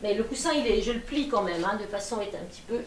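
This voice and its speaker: A middle-aged woman leading a gentle seated exercise class from her attic room at home, with calm, encouraging and folksy cues. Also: mid-range voice, quick pace, a little hiss or hum. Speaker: gentle gym instructor. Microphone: far camera. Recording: echoey room from far off.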